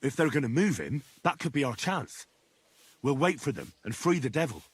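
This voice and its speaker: An actor playing an earnest young adventurer in a video game, husky and direct. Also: male voice, medium pitch, big pitch swings, moderate pace. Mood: determined. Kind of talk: video game dialogue acting.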